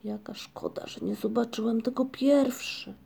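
A woman's voice: a little high, steady tone, moderate pace, vocal fry, warm tone, breathy edge, exaggerated voice. A woman reading a storybook, voicing a small, fretful, greedy young male creature who whines and pleads. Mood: eager. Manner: whiny, pleading.

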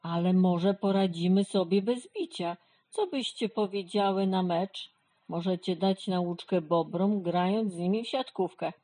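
A woman's voice: lowish voice, a little slow, warm tone. A woman voicing a wise, good-natured male horse in a children's storybook. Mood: kindly.

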